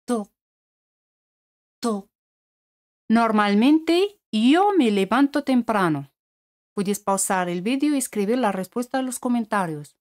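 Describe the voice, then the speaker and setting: A woman with a Spanish accent from Spain giving a scripted French lesson, speaking clearly and repeating each French word. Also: on the high side, lively intonation, a little slow, darkish tone. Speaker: French teacher.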